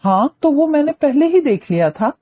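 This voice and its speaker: A woman's voice: high voice, very animated, normal speed, phone-quality sound, pitched above the performer's own voice. A woman reading a novel aloud, voicing a teasing, mischievous young man who mocks a girl. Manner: mocking, teasing.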